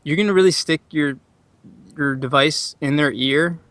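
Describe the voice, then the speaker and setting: Bright, eager man pushing his point. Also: a little high, normal speed, no room sound. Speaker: podcast co-host. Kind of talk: casual panel chat.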